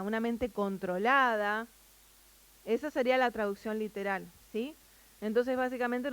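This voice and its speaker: A woman's voice: fairly high pitch, dry recording. A woman with a Rioplatense Spanish accent gives a Bible teaching at a women's meeting, explaining word by word and asking her listeners questions. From Argentina.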